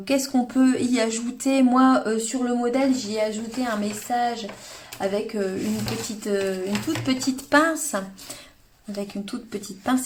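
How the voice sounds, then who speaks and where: A French woman with a slightly high voice talks through a craft project on a livestream. She is chatty and hesitant, full of fillers and restarts, and speaks directly to her viewers. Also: slight background noise. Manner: talks to live viewers by name. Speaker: craft demonstrator. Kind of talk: live paper-craft tutorial. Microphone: livestream webcam or phone.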